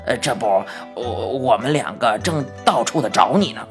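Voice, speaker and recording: A woman's voice: extremely low pitch, lively intonation, normal speed, over music, pitched below the performer's own voice. A woman voicing a playful, mischievous little old man with magic powers in a Beijing-tinged storybook reading, drawling and folksy with hesitant "uh"s. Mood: scheming. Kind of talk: storybook narration.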